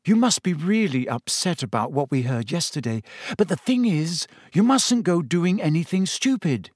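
An anxious teenage schoolgirl, played by a man reading an audiobook, pitched high. The character is earnest and pleading, a storybook friend who worries out loud. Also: very animated, normal speed, no echo, studio quality. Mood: concerned.

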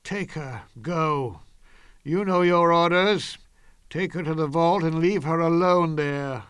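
A man's voice: on the high side, slow, a bit bright, clear, resonant tone, dry recording. A cold tyrant king of classical tragedy, acted by a man, speaks grimly and dismissively in a dry recording. He commands with stern impatience. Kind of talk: classical Greek tragedy audio performance.

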